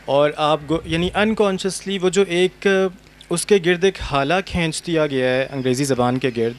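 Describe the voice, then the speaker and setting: A young adult man, a translator, speaking reflectively and earnestly on a panel with many hesitations. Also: fairly high pitch. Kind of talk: panel conversation. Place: outdoor university courtyard event.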